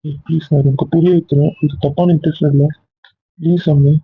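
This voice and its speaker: A young man playing an insecure young boyfriend who coaxes and pleads with a husky voice, in a web drama. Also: on the high side, flat delivery, brisk. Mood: pleading. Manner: coaxing, pleading. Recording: dry, phone-like thin recording.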